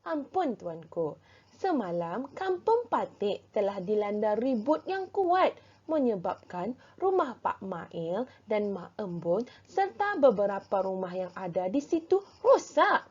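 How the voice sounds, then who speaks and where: A teacher voicing a humble village headman, respectfully asking his ruler for help, spoken slowly with a Malaysian Malay accent. The voice is slightly husky and swoops in pitch, on a dull, lo-fi recording. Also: very animated, a little mellow, exaggerated voice. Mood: pleading. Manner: slow careful reading aloud.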